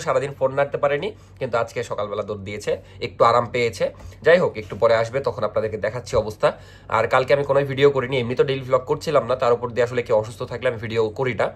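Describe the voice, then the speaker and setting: A young man, vlogging casually and tutoring a younger sibling in a chatty, scolding way. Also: medium pitch. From Bangladesh. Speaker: family vlogger. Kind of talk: casual vlog narration and tutoring.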